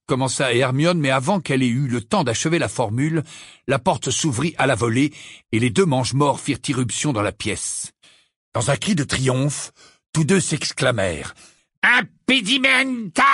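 A man reading an audiobook aloud with dramatic, expressive narration. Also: on the high side, slightly rough, no room sound, studio quality.

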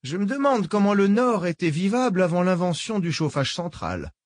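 A man's voice: high voice, big pitch swings, normal speed, dry recording, pitched above the performer's own voice. A man doing a falsely sweet sinister old lady. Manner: honeyed, menacing, repeats "ma chère".

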